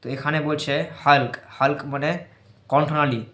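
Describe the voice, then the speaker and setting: Man, patient teacher, flat slightly high voice, echoey room. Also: normal speed. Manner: explains patiently, repeats letter sounds loudly for practice. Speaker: teacher of Quran letter pronunciation. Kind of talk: informal recitation lesson.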